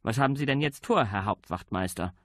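A man's voice: medium pitch, animated, fairly quick, a bit bright, no room sound, natural voice. A man reading an audiobook, voicing a middle-aged police commander who speaks dryly and sternly. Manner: dry, stern, lecturing. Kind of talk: audiobook character voice.

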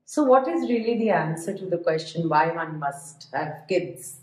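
A woman's voice: lowish voice, animated, normal speed, a little mellow. A woman co-hosting a podcast, talking reflectively and agreeably with frequent fillers. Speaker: podcast co-host and parenting coach. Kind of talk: casual podcast chat. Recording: roomy, echoey sound.

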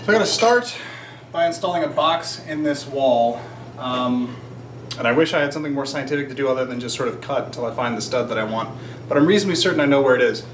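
Talking fast in a mid-range voice, an American in his thirties from Georgia gives a rambling, casual explanation to camera, sprinkled with self-mocking asides. He's indoors in a shop workroom being renovated, picked up by a camera microphone about an arm's length off, with faint noise in the background.

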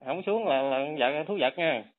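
A man's voice: fairly high pitch, expressive, normal speed, no room sound. A man arguing on a phone call, defiant, dismissive and taunting. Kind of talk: heated phone argument. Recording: tinny phone line, dry.

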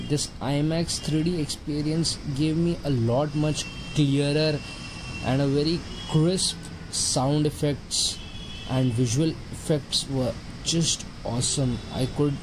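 A man narrating a vlog voice-over with excited, emphatic delivery. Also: fairly high pitch, noisy background. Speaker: vlogger.

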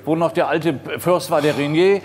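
A man's voice: on the high side, steady tone, moderate pace. A man as a talk show guest, boastfully telling a rambling anecdote and constantly saying "listen up" to himself. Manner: boastful, keeps interrupting himself with "pass auf". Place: TV studio with live audience. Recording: studio audience laughter and room noise.

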